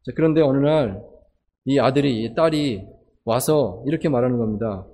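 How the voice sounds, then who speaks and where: A man's voice: mid-range voice, moderate pace, a little mellow, long reverb tail. A man preaching a sermon, asking his listeners questions and acting out the voices he quotes. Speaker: pastor.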